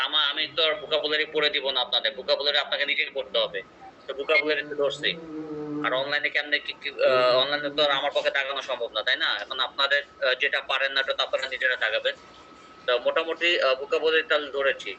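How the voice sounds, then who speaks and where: A man's voice: medium pitch, fairly even intonation, quick pace, pushed and bright, dull audio, a little hiss or hum. A man teaching an online English pronunciation class in a conversational way, often checking in with his students.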